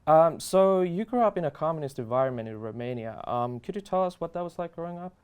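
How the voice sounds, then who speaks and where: A man's voice: fairly high pitch, lively intonation, fast, a little mellow, clean tone. A young man interviewing a candidate, polite and a little hesitant with fillers. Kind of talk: interview questions.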